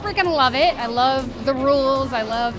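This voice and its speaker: A woman's voice: sits high, moderate pace. A woman gushing in playful, brash red carpet chatter. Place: busy public red carpet event. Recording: very loud music and crowd behind.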